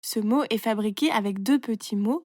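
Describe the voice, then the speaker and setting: A woman voicing a wise, calm female caterpillar who referees a race and patiently explains things. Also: mid-range voice, normal speed, no echo, studio quality, lightly acted.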